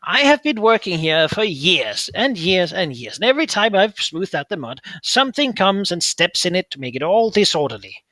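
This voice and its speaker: A man's voice: sits high, sing-song, moderate pace, hardly any pauses, bright, forceful tone, no echo, voice pushed up, full character voice. A man voicing a fussy, greedy little pixie-like mud creature in a tabletop game, grumbling and complaining. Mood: grumbling, aggrieved. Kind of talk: tabletop role-play character voice.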